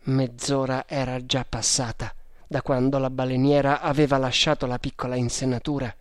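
A man reading an adventure story aloud in a measured, dramatic way. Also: medium pitch, flat delivery, dry recording, studio quality. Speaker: narrator. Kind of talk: audiobook narration.

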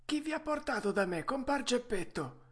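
Male reader as a meek old carpenter, high and thin, storybook. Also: very animated, normal speed, a bit bright, full character voice. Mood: wry, obliging. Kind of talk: storybook reading.

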